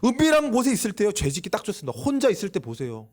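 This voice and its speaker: Man, youth pastor, high voice, swings up and down a lot, faint music behind. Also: racing. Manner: lively, acts out quoted voices, asks the audience questions. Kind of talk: youth sermon. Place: church sanctuary.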